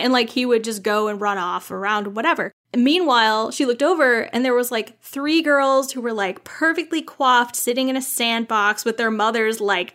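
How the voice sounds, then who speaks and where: A young woman co-hosting a casual podcast, talking through a book she loved in an animated way, full of "like" and acted-out quotes. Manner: animated, lots of "like", acts out quotes with high lively pitch. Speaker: podcast co-host. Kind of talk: casual book-recommendation chat.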